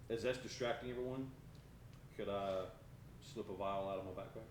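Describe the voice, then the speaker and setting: A man's voice: fairly even intonation, moderate pace. A man playing a tabletop game, talking casually and asking questions. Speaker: player. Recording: echoey room, background rumble.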